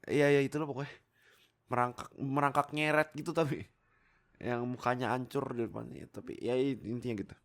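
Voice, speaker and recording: Medium-pitched, brisk and gravelly, this young Indonesian amateur voice actor and YouTube creator rambles animatedly about his own life. His close USB mic catches unscripted, exclamatory storytelling that keeps breaking into giggles.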